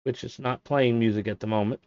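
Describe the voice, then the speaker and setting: A man streaming a game from a small closet office, chatting casually in a monotone way, with many fillers. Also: mid-range voice, a little fast, highs cut off, a little hiss or hum. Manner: self-described monotone, rambling with fillers. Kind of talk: casual live-stream chat.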